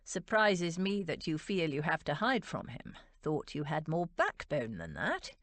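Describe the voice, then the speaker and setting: A woman's voice: low voice, big pitch swings, a little slow, a bit bright, no room sound, full character voice. A woman narrator voicing an arrogant duke with a dry, disdainful drawl in a romance audiobook. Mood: disdainful, smug.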